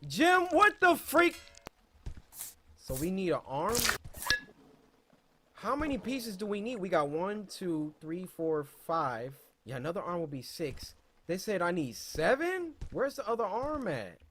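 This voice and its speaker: A young man giving let's play commentary as a gaming YouTuber, excitable, yelping and shouting at scares, then muttering to himself. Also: high-pitched, a little slow, a little hiss or hum.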